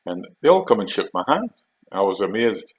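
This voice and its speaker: On the low side but with big pitch swings, an older man's voice comes through dull audio. He's a Northeast England army veteran with a Geordie accent whose casual war anecdotes ramble along unhurriedly, hesitant and full of fillers.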